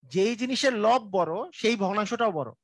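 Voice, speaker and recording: A man with a high voice teaches fractions live, going over each rule again and again and stopping to ask whether viewers follow. The sound is dry and close, with no room around it. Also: animated, moderate pace, dry recording. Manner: repetitive, drilling explanations with frequent check-ins; colloquial, speaks directly to viewers. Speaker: math teacher. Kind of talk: live online math lesson.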